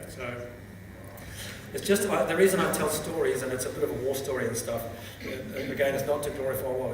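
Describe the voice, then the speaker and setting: An older man from Zambia, in his 60s and a native speaker of Bemba, tells stories during a testimony talk at a seminar. His voice is medium-pitched, and his style is conversational, with many restarts and "okay?" check-ins. The large hall echoes, and the distant recording carries background noise.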